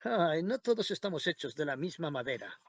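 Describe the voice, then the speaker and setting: A man's voice: on the high side, big pitch swings, brisk, no echo, voice pushed up. Bitter old lady snapping at the vicar, a guy reading her, dry close sound. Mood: sharp. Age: older. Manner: biting, petulant. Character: sharp-tongued older woman, a poor parishioner.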